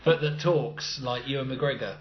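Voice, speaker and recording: A man's voice: mid-range voice, normal speed, over music. A man co-hosting a casual chat, jokey and scornful, swearing freely and laughing often. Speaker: podcast co-host. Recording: muffled with faint noise.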